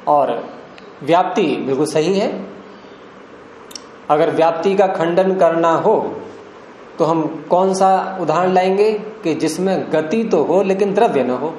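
Man, teacher, slightly high voice, patient step-by-step explaining, echoey room. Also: slow, a little mellow. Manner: explains step by step, quizzes students. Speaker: teacher of Nyaya philosophy. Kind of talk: classroom lecture with questions to students. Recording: echoey room with faint hiss.

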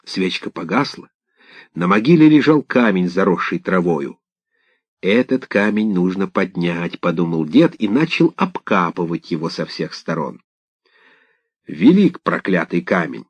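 A man narrating a folk tale in an expressive, dramatic reading. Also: sits low, moderate pace, breathy edge, no echo. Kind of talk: scripted storytelling narration. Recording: dull lo-fi dry recording.

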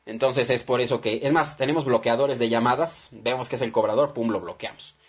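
Husky man, radio advice host, emphatic, acts out dialogues. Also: mid-range voice, fairly even intonation, a little fast. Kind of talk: call-in advice talk.

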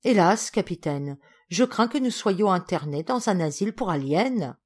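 A woman's voice: on the low side, lively intonation, normal speed, darkish tone, breathy edge. A woman voicing a grave, solemn male second-in-command in an audiobook. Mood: gloomy.

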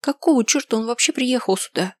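A woman's voice: fairly high pitch, a little fast, no echo, clean studio sound, voice pushed up, lightly acted. A woman voicing a distraught young woman who speaks in a strained, tearful, raised voice. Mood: distraught, angry.

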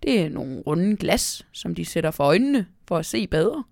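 Woman reading as a cranky tiny christmas elf, huffy and easily offended, slightly gravelly, dry close sound. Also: fairly low pitch, big pitch swings, dry recording. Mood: matter-of-fact. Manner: indignant shouting.

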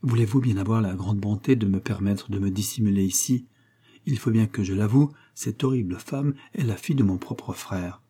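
A male reader voicing a timid older spinster aunt who speaks in a hushed, embarrassed, confiding way. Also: fairly low pitch, normal speed, slightly rough. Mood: mortified.

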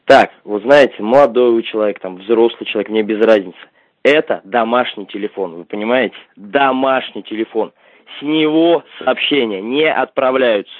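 A man's voice: medium pitch, normal speed, no echo. Blunt man over a tinny landline phone. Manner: blunt, insistent, keeps repeating himself. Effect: heard over a landline phone. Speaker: call recipient. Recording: tinny, dry phone line.

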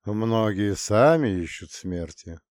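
A man voicing a cold, menacing male spirit of death, speaking slowly and ominously in a storybook. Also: on the low side, animated, darkish tone, no room sound, clean studio sound.

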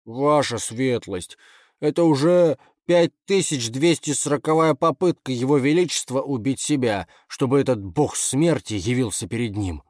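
A man's voice: medium pitch, normal speed, darkish tone, no echo, studio quality, voice pushed up, lightly acted. A man voicing a weary, melodramatic young male servant who wails theatrically in a storybook reading. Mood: fawning. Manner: theatrical wailing. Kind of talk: audiobook character voice.

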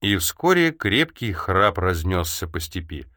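A man reading a historical tale aloud in a measured storytelling manner. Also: sits low, sing-song, sharp tone, dry recording, studio quality. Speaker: narrator. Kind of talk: audiobook reading.

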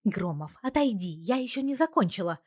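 A sharp-tongued young wife and computer genius, commanding and scolding with a raised, forceful voice, as a woman reader puts her on. It is recorded dry and close, like a storybook reading. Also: on the high side, animated, brisk, no room sound, voice pushed up. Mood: brisk.

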